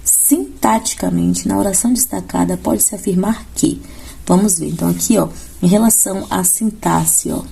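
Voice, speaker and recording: A woman's voice: medium pitch, steady tone, fairly quick, vocal fry, dark tone, slight background noise. A woman teaching grammar for exam prep, explaining step by step and often checking in with her students. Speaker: Portuguese teacher. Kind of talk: exam-prep lesson going through questions.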